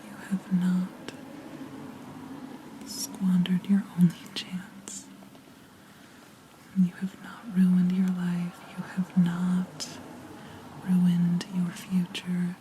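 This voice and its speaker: A woman whispering a gentle, reassuring ASMR pep talk up close to the microphone, pausing mid-sentence in a soft, breathy unvoiced whisper. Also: lowish voice, monotone, a little hiss or hum, poor audio. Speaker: ASMR host.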